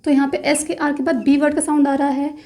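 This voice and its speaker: A woman teaching a shorthand class, spelling out example words slowly and deliberately in mixed with terms. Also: sits high, flat delivery, mellow. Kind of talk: explaining lesson.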